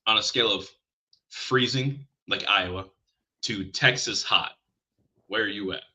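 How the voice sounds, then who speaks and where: A man co-hosting a casual sports podcast, talking in an animated way, with restarts and self-deprecating asides. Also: fairly low pitch, measured pace, slight background noise, low-quality recording. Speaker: podcast co-host.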